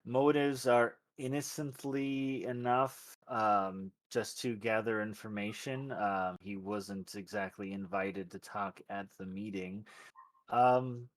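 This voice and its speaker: A man improvising narration as a tabletop game master, halting and thinking aloud as he goes. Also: on the low side, fairly even intonation, dry recording.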